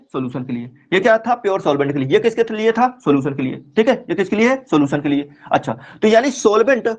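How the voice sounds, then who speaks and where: A man teaching a chemistry class online, his voice a touch high and recorded dull and lo-fi. He asks question after question and answers each one himself. He stretches out and repeats the key terms.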